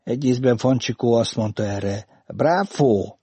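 A man narrates a literary story in a measured, deliberate audiobook reading. His tone is warm and mellow with a slightly husky edge. The recording is dry and close, with no room sound. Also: medium pitch, lively intonation, no echo.

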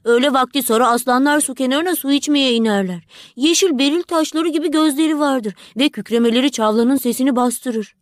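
An audiobook narrator with a high voice reads a fairy tale from a script, measured and expressive. The studio-quality recording has no echo.

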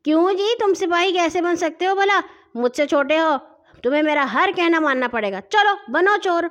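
Woman doing a loud bossy bully boy. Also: high-pitched, animated, voice pushed up. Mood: scolding. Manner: loud, scolding, quick. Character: bossy, rough bully boy who hits and scolds.

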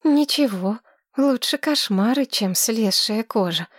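A woman voicing a bubbly, lovestruck young woman friend who gushes and drops into breathy whispers. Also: a little high, lively intonation, slow pace, no room sound, clean studio sound, pitched above the performer's own voice. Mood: playful.

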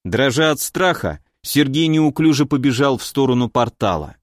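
A man narrating a fantasy audiobook in a steady, even storytelling manner. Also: medium pitch, normal speed, dry recording, studio quality.

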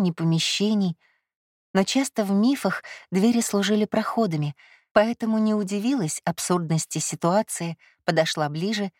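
A woman narrating a first-person fantasy audiobook in a measured, softly dramatic reading. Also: lowish voice, no room sound, clean studio sound.

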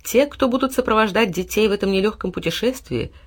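A woman's voice: mid-range voice, quick pace, natural voice. A woman voicing a stern, commanding old fairy in a storybook reading. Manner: reproachful, commanding.

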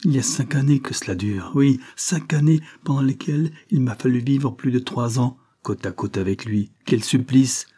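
A defiant young woman prisoner bursts out in heated, emphatic lines, as a male audiobook reader puts her on. The voice is pitched up and loud in her anger, while keeping the reader's mellow, slightly husky tone. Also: moderate pace, hardly any pauses, lightly acted. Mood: furious. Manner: emphatic, impassioned outbursts.

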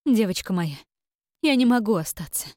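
A woman voicing a tender mother who gently and firmly comforts her frightened daughter. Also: mid-range voice, lively intonation, moderate pace, dry recording, studio quality, close to an everyday voice. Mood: soothing. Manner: soft, soothing, quietly firm.

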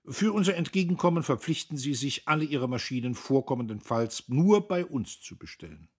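Brief: male reader as a sober, worldly salesman, cool and businesslike, husky low voice. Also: lively intonation, normal speed. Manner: cool and matter-of-fact.

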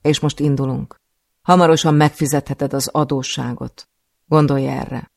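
Man reading stern cold woman, commanding, gravelly, flat delivery, dry studio. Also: mid-range voice, no echo, lightly acted. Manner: curt commanding orders. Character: stern, cold tall woman, a harsh caretaker.

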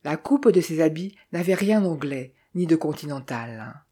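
A narrator reading a novel aloud in an even, measured way. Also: mid-range voice, breathy edge. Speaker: audiobook narrator.

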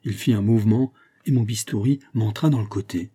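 An earnest, slightly tipsy provincial surgeon, read by a man in a low, dark, husky voice, telling a strange dream with solemn conviction. The audiobook delivery stays close to the reader's own voice, only a touch higher and weightier. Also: a little fast. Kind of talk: audiobook character reading.

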